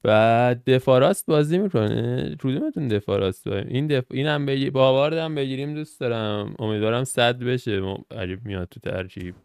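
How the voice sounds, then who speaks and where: A young man gives casual, slangy commentary on a football game, reacting to cards as he opens them. His voice is gravelly yet smooth, and the sound is dry and close to the mic. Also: medium pitch, hardly any pauses, darkish tone, dry recording. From Iran. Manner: chatty, slangy, thinks aloud while reacting to game cards. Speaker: gaming channel host.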